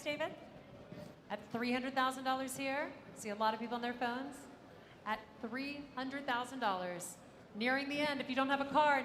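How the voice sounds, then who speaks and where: Female auctioneer, high voice, repetitive live bid calling, big reverberant room with clear background noise. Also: fairly bright tone. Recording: echoey hall, ambient noise.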